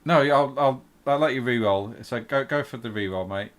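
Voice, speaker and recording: A man's voice: medium pitch, moderate pace. A man acting as game master, casually explaining rules and narrating a tabletop game.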